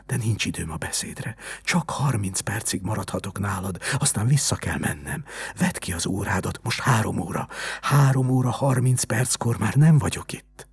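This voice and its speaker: A man's voice: lowish voice, expressive, vocal fry, hardly any pauses, husky, no echo, voice pushed up, exaggerated voice. A man reading aloud and voicing a young dead woman who has come back, speaking urgently and pleadingly. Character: young dead woman returned, gentle, impatient.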